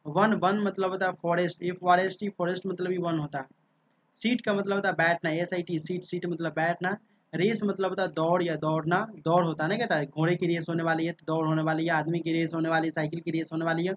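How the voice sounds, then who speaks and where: A man's voice: fairly high pitch, flat delivery, a little fast, no room sound. A man teaching English vocabulary in a casual spoken lesson, spelling each word out letter by letter and often checking in with his listeners. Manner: drills words by spelling them out letter by letter. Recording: dull, dry lo-fi sound.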